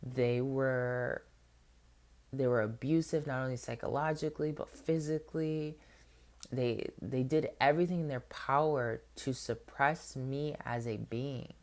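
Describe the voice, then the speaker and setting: A man's voice: mid-range voice, fairly even intonation, measured pace, a little mellow. A man speaks openly and earnestly about his inner journey, his talk loose and conversational and full of filler words. He is a spiritual healer giving a sincere personal testimony. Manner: candid and open.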